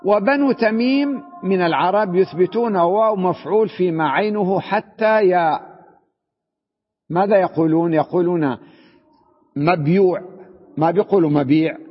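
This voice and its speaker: Posing questions and then answering them on his own, a sheikh leads an Arabic grammar class, repeating words so each point sticks. His voice is husky and a little high, and the lo-fi, muffled audio carries a long echo from a hall.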